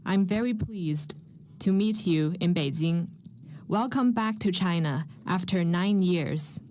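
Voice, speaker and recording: A woman giving a live interpreter voice for a state speech, formal and measured, pausing between phrases. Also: on the low side, a little mellow, no room sound. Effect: live interpreter voice over a broadcast clip.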